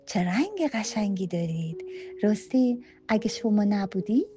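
A woman's voice: mid-range voice, very animated, music in the background, close to an everyday voice. A woman voicing a grateful mother ant who speaks fondly.

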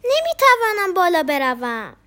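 A woman voicing a small timid young donkey who stammers and squeals in a high, excited voice. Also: heavily acted. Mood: pleading.

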